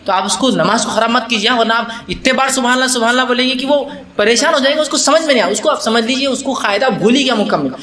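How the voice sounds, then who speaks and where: A man's voice: extremely high pitch, bright, forceful tone, reverberant. A male Islamic preacher answering audience questions in a religious talk, explaining step by step with rhetorical questions and mixing English words into his speech.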